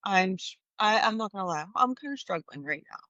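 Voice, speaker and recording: Brief: thirties mom guest, animated and laughing, crisp bright tone. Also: female voice, medium pitch, fairly quick, no echo, lo-fi sound. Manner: animated, laughing, many restarts. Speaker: podcast guest. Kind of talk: candid storytelling chat.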